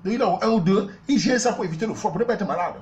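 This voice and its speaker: Man, Cameroonian French accent, comic storyteller, rapid-fire, slightly high voice, loud bursts and low asides. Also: dull audio. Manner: animated, swings between loud outbursts and low asides. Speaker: comedian.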